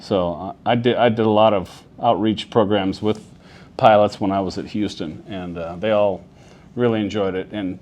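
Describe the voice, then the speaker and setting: In a low, darkish voice with a steady tone and moderate pace, a man who works air traffic control explains his work from inside the airport control tower. He keeps it plain and casual, going step by step and asking checking questions along the way.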